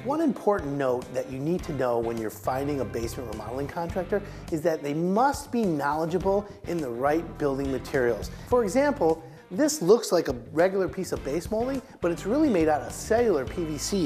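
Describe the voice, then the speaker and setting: A middle-aged home improvement expert appears as a guest on a TV talk show, giving an upbeat product demonstration on a studio set with a lapel mic, pitching and pointing at samples. His warm voice is very animated and a little fast, with few pauses and faint music behind.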